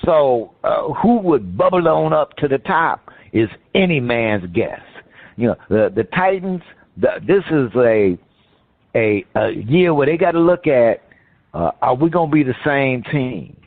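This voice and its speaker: A man co-hosting casual sports talk, folksy and halting with lots of filler sounds. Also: mid-range voice, animated, vocal fry, no echo. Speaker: sports talk show co-host. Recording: phone-like dry sound.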